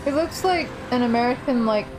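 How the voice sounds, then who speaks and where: A woman's voice: on the high side, brisk, over music, poor audio. A young woman streaming a game, chatting casually and self-deprecatingly with friends on a call. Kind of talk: casual chat while streaming.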